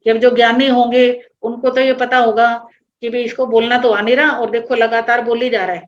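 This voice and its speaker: Woman, religious teacher, patient line-by-line explanation, higher voice, dull lo-fi online class audio. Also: little pitch movement, a little fast, a little hiss or hum.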